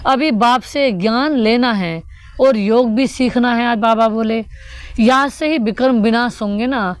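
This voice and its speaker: A woman's voice: a little high, measured pace, smooth, dry recording. A woman giving a devotional sermon that explains the daily spiritual teaching, repeating each point and putting rhetorical questions to her listeners.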